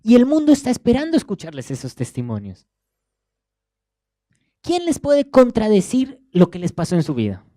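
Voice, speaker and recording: Young Rioplatense preacher, animated pitch, dry close sound, chatty and stumbling over repeated words. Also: male voice, moderate pace, long pauses, no room sound. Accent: Rioplatense Spanish. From Argentina. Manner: conversational, repeats words as he searches. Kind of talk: sermon.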